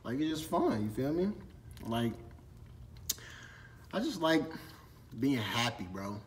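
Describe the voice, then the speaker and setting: A twenty-something vlogger from Minnesota answers questions in a relaxed, slangy way while snacking, recording on his phone inside a storage room with shelves and ladders. He sounds very animated, with a mid-range voice and a slow delivery.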